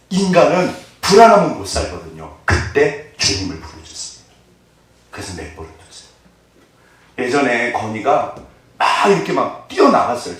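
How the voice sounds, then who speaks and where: A man's voice: medium pitch, fairly bright tone. A man, a pastor, preaching a sermon in a church and often putting questions to the congregation. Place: church sanctuary. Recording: echoey hall, far from the mic.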